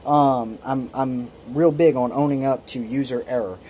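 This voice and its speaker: Filmed on a phone camera in his small home workshop shed, this late-20s hobbyist who makes kydex holsters gives a casual, rambling, self-deprecating tour full of ums and restarts. He speaks at a moderate pace in a mid-range, dark-toned voice with fairly even intonation. There's slight background noise.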